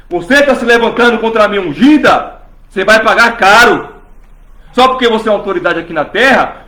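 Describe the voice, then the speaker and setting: A man preaching with fervor, his voice sitting high for a man. He fires rhetorical questions at the congregation and slips into the voices of imagined churchgoers. The sound rings around an echoey church room. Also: fairly bright tone. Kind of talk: sermon.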